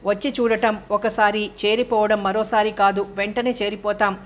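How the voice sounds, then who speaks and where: A woman voicing a fussy older housewife who shouts into the phone as she talks up her house. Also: medium pitch, level tone, normal speed, lightly acted. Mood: loud, eager.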